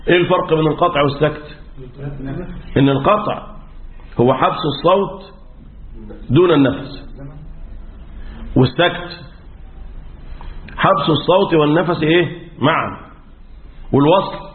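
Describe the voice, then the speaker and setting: An Egyptian man teaches the rules of Quran recitation, tossing questions to his students and answering them himself. His voice sits a little high. The sound is thin and narrow, like a phone line. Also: normal speed, long pauses, echoey room. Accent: Egyptian Arabic. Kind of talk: religious lesson on recitation rules. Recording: tinny phone-like audio.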